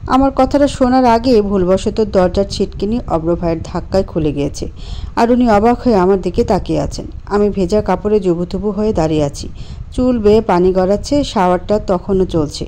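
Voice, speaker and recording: A woman narrates a romantic story in the first person, gentle and expressive. Her tone is warm and mellow at a middle pitch. Faint hiss sits under the voice. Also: brisk.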